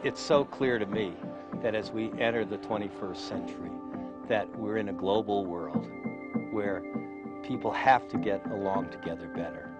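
Deep-ish reflective man over loud music. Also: moderate pace. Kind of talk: documentary interview.

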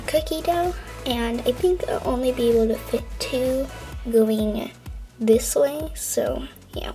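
A woman voicing a cheerful female pink lamb toy hosting a cooking show, chatty and walking through each step with soft asides. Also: high voice, poor audio. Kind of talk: toy stop-motion cooking show voice-over.

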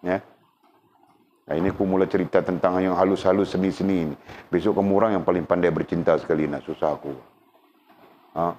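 A man with a fairly low voice gives a casual religious lesson, speaking conversationally and often pausing to check that his students understand. The recording sounds dull and lo-fi. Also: fairly even intonation, darkish tone, slight background noise. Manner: conversational, keeps checking in with listeners. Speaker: religious teacher. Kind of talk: casual teaching talk.

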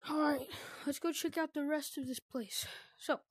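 A woman's voice: high voice, fairly even intonation, normal speed, no room sound. A woman giving upbeat, slangy commentary while trying out a new game for her channel, talking into a headset mic. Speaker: gaming video creator. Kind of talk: casual gameplay commentary.

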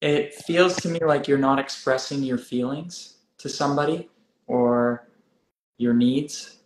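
A calm wellness host, from South Africa and raised in Canada, gently guides a live-stream coaching chat from an indoor room with a roomy sound. He speaks with slow, deliberate phrasing at medium pitch, and there's a little hiss or hum.

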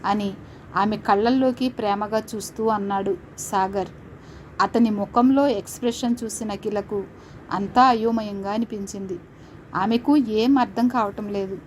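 A woman storyteller giving a steady, expressive scripted story narration. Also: medium pitch, measured pace, poor audio. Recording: faint background noise.

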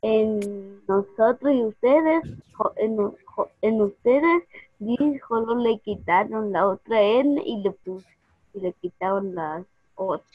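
A female student asking her teacher questions and thinking aloud in a halting way. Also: a little high, husky, dry recording. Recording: dry, dull lo-fi audio.

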